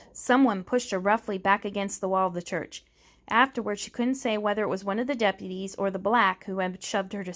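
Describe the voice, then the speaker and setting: A woman reads a novel aloud with steady, measured narration. Her pitch sits in the middle range. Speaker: reader.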